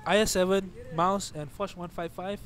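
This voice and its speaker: A young Malaysian man with a Malaysian accent commentating a live online tournament match, excitable and often correcting himself mid-phrase. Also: high-pitched, normal speed, faint music behind. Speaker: esports stream commentator. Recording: noisy background hum.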